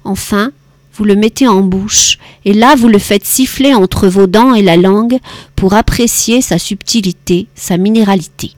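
A woman voicing a cantankerous 88-year-old male winegrower who is gruff but kind at heart, blustering and lecturing in an audiobook. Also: measured pace, dry recording, natural voice. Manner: blustering, lecturing, louder and higher than narration. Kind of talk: audiobook character voice.

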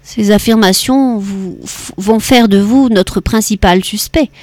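A woman voicing a young female police lieutenant, calm and polite as she asks measured questions in an audiobook. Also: medium pitch, no echo, lightly acted. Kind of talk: audiobook character voice.

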